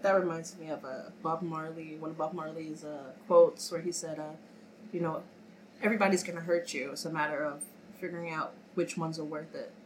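A woman with a lowish voice talks frankly in a relaxed podcast chat. Her voice sounds slightly nasal from a cold. Faint noise sits behind her. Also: fairly quick, poor audio. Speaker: podcast co-host. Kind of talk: casual chat.

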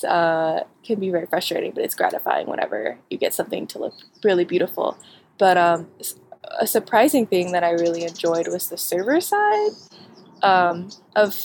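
A young woman answering interview questions about her bootcamp projects, halting with many fillers and frequent laughs. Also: fairly low pitch, darkish tone, slight background noise. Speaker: bootcamp graduate.

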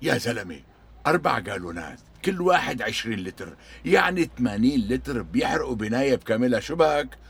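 A man's voice: mid-range voice, lively intonation, fairly quick, gravelly, husky. An actor with a Levantine Arabic accent playing a determined, commanding man who plans to burn a warehouse. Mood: reassuring. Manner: insistent, commanding.

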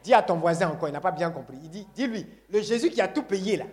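A man's voice: high-pitched, lively intonation, quick pace, a little mellow. A man preaching a sermon to a congregation, emphatic and repetitive, calling on the audience to say amen. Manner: call-and-response, asks congregation to say Amen; emphatic, repeats phrases.

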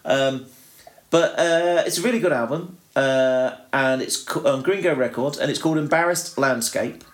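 A man's voice: mid-range voice, normal speed. Rambling British man co-hosting a podcast. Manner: rambling, with many restarts and fillers. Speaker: podcast co-host. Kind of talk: casual chat.

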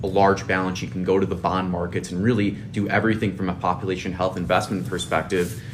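A man in his thirties with a deep voice explains things as a podcast guest. He sounds conversational and professional, over slight low background noise. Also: level tone, quick pace. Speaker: podcast guest, financial advisor.

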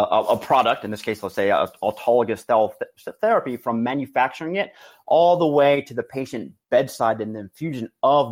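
A man hosting a podcast, explaining things conversationally with halting, repeated words. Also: mid-range voice. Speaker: podcast host.

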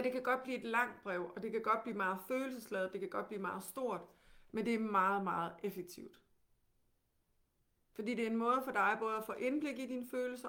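A woman with a Danish accent teaching, who guides calmly and gently with many questions. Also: a little high.

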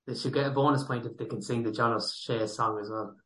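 A man's voice: mid-range voice, fairly even intonation, fast talker, fairly bright tone, low-quality recording. A man chiming in on a quiz with chatty, bantering asides.

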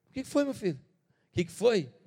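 A man's voice: high-pitched, big pitch swings, quick pace, creaky, warm tone, husky, heavily acted. A man voicing an indignant older son accusing his father, in a bitter tone. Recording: reverberant church hall.

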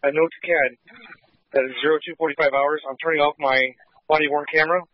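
A man's voice: fairly high pitch, fairly even intonation, fast talker, dry recording. A male police officer speaking matter-of-factly in brief radio calls to other units. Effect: two-way radio transmission. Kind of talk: radio traffic between officers. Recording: muffled radio audio.

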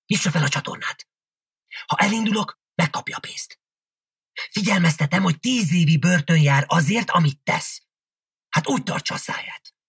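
A man reading aloud and voicing a furtive male thief who gives hushed, threatening orders in the dark. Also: sits high, gravelly, slightly rough, dry recording, clean studio sound, pitched above the performer's own voice, full character voice. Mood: hushed threat.

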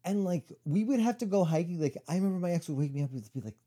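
A man's voice: sits high, expressive, rapid-fire, dark tone, breathy edge. A man in his forties, co-hosting a casual chat and telling long stories full of "like" and "you know.". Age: 40s. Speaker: podcast co-host.

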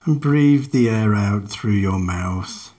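Speaking with calm, unhurried measure, a low-voiced man guides a meditation and lets long silences fall between each instruction.

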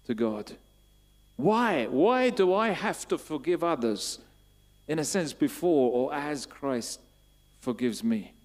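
A man's voice: a little high, a little mellow. Emphatic male preacher. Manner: questioning, rising to emphatic bursts. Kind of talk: sermon.

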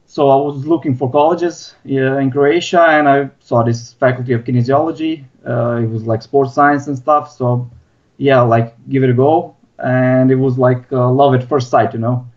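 Speaking over a dull, lo-fi Skype connection, a young adult sports science researcher from Bosnia guests on a podcast in casual chat. He has a Balkan accent and a medium-pitched, slightly mellow voice with fairly even intonation at normal speed.

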